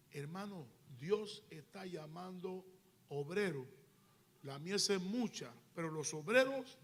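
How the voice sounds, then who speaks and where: A man who is a pastor, preaching a sermon in church with rising, shouted intensity. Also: fairly high pitch, slight background noise. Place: church sanctuary.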